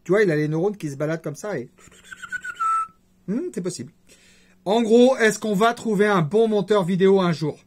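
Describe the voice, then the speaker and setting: This YouTuber's high-pitched voice moves at a moderate pace with long pauses, over background noise. In his casual vlog, he rambles to viewers with playful conversational tangents.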